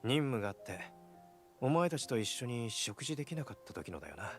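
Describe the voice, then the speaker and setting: An actor playing a tender young man who acts as a protective older brother, speaking gently and affectionately in a game scene. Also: mid-range voice, big pitch swings, rapid-fire, soft background music, close to an everyday voice. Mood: easygoing. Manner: gentle, affectionate, quietly teasing. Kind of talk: game voice acting.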